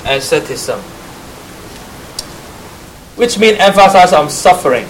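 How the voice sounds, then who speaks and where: Man teaching church history, slightly high voice. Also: animated, a little slow, a little hiss or hum, poor audio. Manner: spells out terms letter by letter and quizzes listeners; glosses terms in Chinese. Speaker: Bible teacher.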